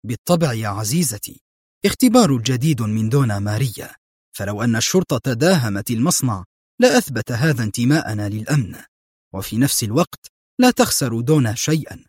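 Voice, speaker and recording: A man voicing a calm, mocking male secret agent in an audiobook reading. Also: medium pitch, fairly quick, breathy edge, dry recording, clean studio sound. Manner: mocking, self-assured. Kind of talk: audiobook narration.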